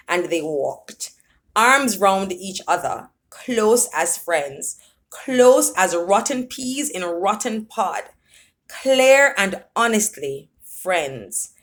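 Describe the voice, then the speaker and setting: A woman's voice: mid-range voice, a bit bright. A woman reading a literary story aloud, laughing at times as she reads. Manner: unhurried, laughs while reading. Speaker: reader.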